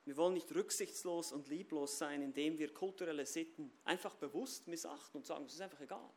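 A man preaching a sermon and speaking straight to his listeners. He swings between loud stressed phrases and quiet low asides. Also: a little fast. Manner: addresses listeners directly.

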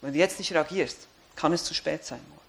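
A male pastor preaching a sermon, swinging from loud emphatic declarations to quiet, earnest appeals to the congregation. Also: fairly high pitch, a little fast, vocal fry, breathy edge. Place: church.

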